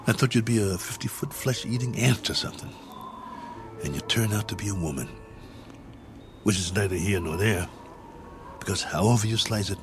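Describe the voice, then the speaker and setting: On an old TV soundtrack with music underneath, an American actor with a fairly low voice plays a stranded one-armed colonel in a 1960s drama. The weary, wry spaceman explains things in simple, halting phrases, patient at first and then exasperated.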